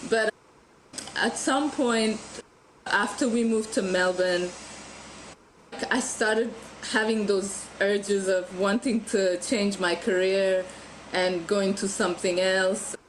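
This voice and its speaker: A chatty woman from Ethiopia talks as a podcast guest, laughing often and restarting her sentences. Her pitch sits in a middle range. A faint hiss runs under the recording. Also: fairly even intonation, slow, rough recording. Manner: warm, chatty, laughs easily, frequent restarts. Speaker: guest photographer. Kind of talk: casual podcast interview.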